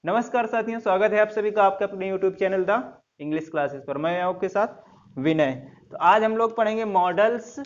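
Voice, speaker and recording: A man's voice: high-pitched, muffled recording. A male English teacher giving a classroom lecture, repeating words and quizzing his students with questions. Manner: recites a couplet slowly.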